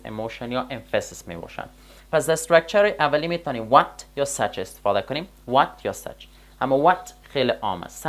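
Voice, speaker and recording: A man's voice: mid-range voice, a bit bright. Patient male teacher. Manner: patient, repeats terms in both languages. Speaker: English teacher. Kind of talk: explaining a grammar lesson.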